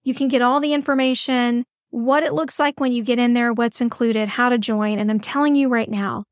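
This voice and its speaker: A woman's voice: on the high side, fairly even intonation, fairly quick, no room sound. Upbeat woman podcast host, dry sound. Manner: upbeat, encouraging, chatty. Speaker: school counselor. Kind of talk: casual coaching monologue.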